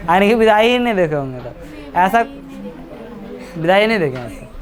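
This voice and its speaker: A man's voice: high-pitched, sing-song, moderate pace, crowd noise. A man teaching a class, chatty and joking, teasing and scolding his students. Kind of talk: classroom lecture explaining a story.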